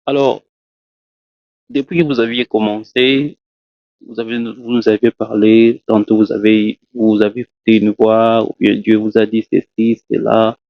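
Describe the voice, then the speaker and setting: Gravelly host asking formal questions. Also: male voice, lowish voice, level tone, unhurried, dry recording. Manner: frequent short affirmations, polite formal questions. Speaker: talk show host. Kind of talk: interviewing a guest. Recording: dull, lo-fi dry sound.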